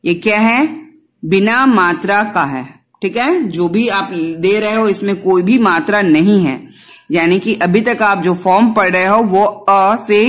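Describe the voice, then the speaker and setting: A woman teacher giving a Hindi lesson to young children, patiently spelling out letters and answering her own questions. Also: medium pitch. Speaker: kindergarten teacher.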